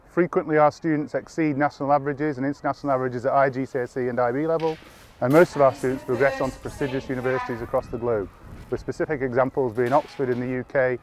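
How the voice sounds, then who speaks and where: A man who heads a senior school, giving a brisk, formal scripted presentation. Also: mid-range voice. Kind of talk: scripted promotional talk.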